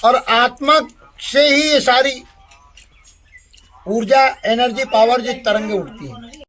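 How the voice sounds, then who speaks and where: Slow-spoken male satsang teacher. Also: very high-pitched, lively intonation, pushed and bright, soft background music. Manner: slow, explains terms by repeating and defining them. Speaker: spiritual teacher. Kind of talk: satsang discourse.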